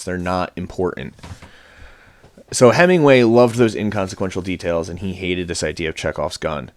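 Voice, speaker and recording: A man with a fairly low voice gives a relaxed, rambling lecture from his home, full of fillers and restarts. The sound is dry and close, with no room echo. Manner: casual, chatty, with many fillers and restarts. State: out of breath. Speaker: teacher. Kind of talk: recorded online lecture.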